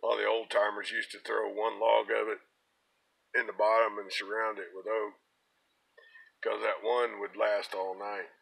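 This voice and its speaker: A middle-aged American man talks casually and plainly, like a vlogger rambling from his car. His voice sits fairly low with plenty of gravel. It has a bright, forceful edge. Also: level tone, moderate pace, rough recording. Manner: folksy, plain-spoken. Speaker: pipe-smoking vlogger. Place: inside a parked car. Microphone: phone at arm's length.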